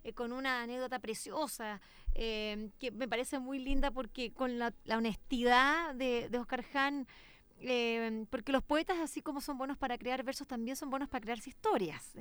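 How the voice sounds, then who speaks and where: Woman journalist with a clear voice. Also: fairly high pitch, moderate pace, no room sound. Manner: hesitant, full of "eh" fillers and restarts, warmly enthusiastic. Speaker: journalist interviewer. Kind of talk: cultural interview.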